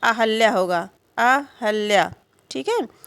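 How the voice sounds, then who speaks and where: A woman with a fairly high voice teaches grammar in an unhurried, patient way. She keeps asking a question and answering it herself, with many small fillers and check-ins. The recording is dry and close, with no room sound. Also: expressive, a bit bright, clean tone, dry recording. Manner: explains slowly, asks and answers her own questions. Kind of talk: exam-prep grammar lesson.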